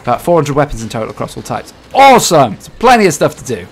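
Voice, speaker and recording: A man's voice: medium pitch, big pitch swings, rapid-fire, creaky, soft background music. A man streaming a game, chatting casually and reacting aloud to his teammates. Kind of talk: casual gameplay commentary.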